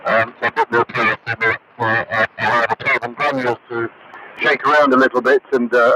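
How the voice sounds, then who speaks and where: Ham radio man, gritty carbon mic, dull crackly AM signal, distant. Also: mid-range voice. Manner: unhurried, technical, halting. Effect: gritty carbon granule microphone sound. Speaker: amateur radio operator. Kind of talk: ham radio net check-in chat. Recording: crackly distant AM shortwave broadcast.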